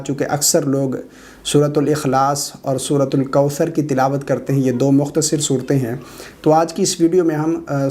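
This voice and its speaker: A man, middle-aged, giving a brisk explanatory online lesson on correct recitation, pausing with drawn-out 'aa' sounds. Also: on the high side, darkish tone. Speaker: religious teacher of prayer recitation.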